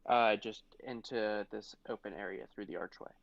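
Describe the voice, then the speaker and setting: A man's voice: lowish voice, normal speed, creaky, muffled recording. A man playing a tabletop game, casually asking lots of questions. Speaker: player.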